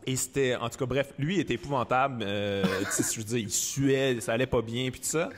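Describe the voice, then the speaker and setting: A man, a comedian guest telling his own story in relaxed casual chat. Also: mid-range voice, brisk, long reverb tail.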